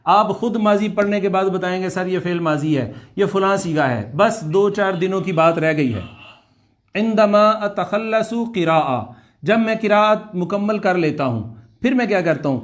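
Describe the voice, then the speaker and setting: An Arabic language teacher with a high, expressive voice runs an online class, drilling Arabic phrases. He speaks slowly, repeats the Arabic words many times, explains in Urdu, and asks the students to say them aloud.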